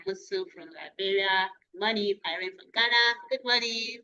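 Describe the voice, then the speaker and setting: A woman hosting an online training session, greeting attendees one by one and pausing over how to say their names. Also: medium pitch, sharp tone. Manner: unhurried, reading names aloud and pausing over pronunciations. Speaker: webinar host. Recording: dull lo-fi online call audio.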